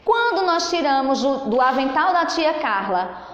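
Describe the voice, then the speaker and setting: A woman's voice: high voice, big pitch swings, a bit bright, muffled recording. Singsong Brazilian woman teaching young kids. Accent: Brazilian Portuguese. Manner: slow and singsong, stretching words for young pupils. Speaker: primary school teacher. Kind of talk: children's lesson. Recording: echoey room with long reverb.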